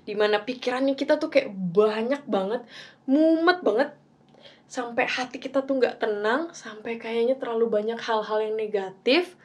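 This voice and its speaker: A woman delivers a youth devotional talk with a fairly high voice. She speaks in a casual, chatty way with plenty of fillers, and reads scripture passages with dramatic flair. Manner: dramatic reading with voiced quotes.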